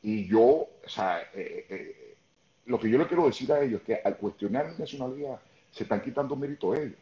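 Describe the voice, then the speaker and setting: A man's voice: medium pitch, animated, fairly quick, mellow. A man in his fifties with a Venezuelan Spanish accent, a guest talking earnestly and emphatically on a video call. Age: 50s. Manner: earnest, emphatic, repeats words when starting. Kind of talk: casual chat on a video call. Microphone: headphones on a video call. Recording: echoey, dull lo-fi video call.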